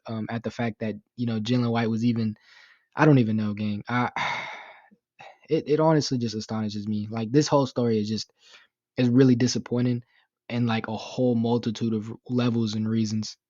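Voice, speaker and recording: A man's voice: mid-range voice, fairly even intonation, normal speed, darkish tone, no room sound, lo-fi sound. A young man giving casual commentary on a news story, rambling with lots of fillers, swearing and sounding indignant. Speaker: YouTube commentator.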